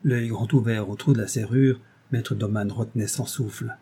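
A man narrating a classic novel as an audiobook, in a measured, expressive reading. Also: fairly low pitch, slightly rough.

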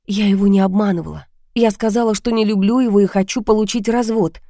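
A woman's voice: medium pitch, quick pace, dark tone, dry recording, studio quality, pitched above the performer's own voice, close to an everyday voice. A woman reading an audiobook, voicing a frightened young heroine who pleads her innocence in a strained voice. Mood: pleading.

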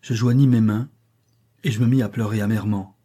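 A man narrating a classic novel in a measured, expressive reading. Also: on the low side, breathy edge. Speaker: audiobook narrator.

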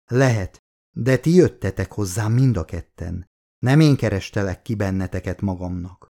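A composed young woman speaks quietly and calmly in a low voice, as a man reads her in an audiobook. She stays guarded and cool, never raising her tone. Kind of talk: audiobook reading.

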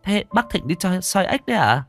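A man's voice: high voice, big pitch swings, brisk, soft background music, voice pushed up, exaggerated voice. A man doing a shy, polite young woman.

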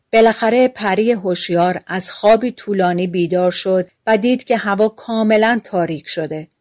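A woman reads a fairy tale aloud at a calm, even pace, telling it in relaxed everyday speech. Her voice sits in a middle pitch. The recording is dry and close. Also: no room sound. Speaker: audiobook narrator. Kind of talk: storybook narration.

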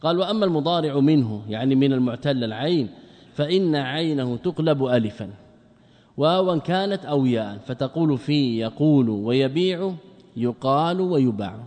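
A man's voice: mid-range voice, expressive, normal speed, darkish tone, long reverb tail. A man teaching a classical Arabic grammar lesson, who keeps asking rhetorical questions, answers them himself, and repeats and draws out the example words.

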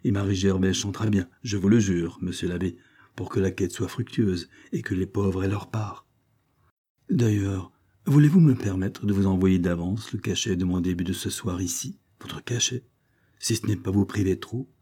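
A man's voice: deep voice, normal speed, dark tone, breathy edge. A man reading the lines of a humble young woman singer from a storybook, pleading and earnest.

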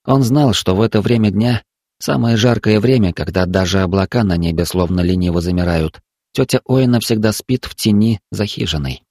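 A man narrating a story in a steady, even storytelling manner. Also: lowish voice, normal speed, no echo, clean studio sound. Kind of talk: audiobook narration.

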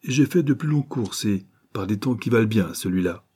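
A man's voice: on the low side, animated, fairly quick, a little mellow, husky. A man voicing a timid yet hardy village priest who speaks modestly and earnestly, in a storybook reading.

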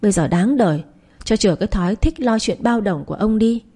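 A woman's voice: medium pitch, expressive, brisk, dark tone, slightly rough. A woman voicing a brash, boastful rich schoolboy who bullies his classmates. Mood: taunting. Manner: boastful, taunting. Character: brash rich schoolboy bully, teenage boy.

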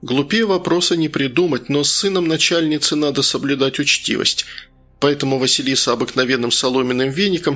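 Male narrator, gravelly, husky, bright forceful tone, faint music. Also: mid-range voice. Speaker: audiobook narrator. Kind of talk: scripted narration.

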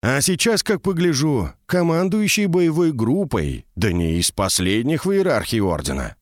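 A man's voice: mid-range voice, big pitch swings, normal speed, no room sound, clean studio sound, voice pushed up, close to an everyday voice. A man reading the part of an ancient male mage who talks in a mocking, teasing way, in an audiobook.

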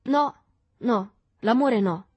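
A woman's voice: mid-range voice, normal speed, a little mellow, breathy edge, dry recording, lo-fi sound, voice pushed up, close to an everyday voice. A woman voicing a shy thirteen-year-old rich boy who grows boastful, in a storybook reading. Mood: earnest. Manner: shy, hesitant, then proudly boastful.

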